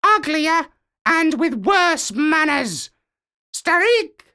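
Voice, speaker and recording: Storybook gull: screeching, jeering, very high. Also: male voice, very animated, drawn-out words, pushed and bright, exaggerated voice. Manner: screaming, jeering. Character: shrieking rude burgomaster gull.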